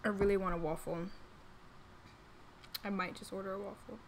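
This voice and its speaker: A woman's voice: mid-range voice, steady tone, moderate pace, a little hiss or hum, rough recording. A young woman chatting casually to herself and her viewers while live-streaming a game, self-deprecating and easily flustered. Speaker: streamer playing a life-sim game. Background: game music.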